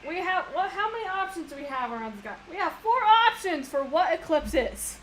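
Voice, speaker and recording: A woman streaming from home, chatting casually and excitably about game theories, rambling and talking to her pet along the way. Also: extremely high pitch, a little fast. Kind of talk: casual chat. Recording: noisy home stream audio.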